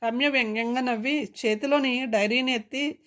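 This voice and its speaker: A woman narrates a sentimental family story in a steady, scripted reading. Her voice sits a little high for a woman. She speaks the characters' dialogue in her own voice rather than putting on different voices. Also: moderate pace.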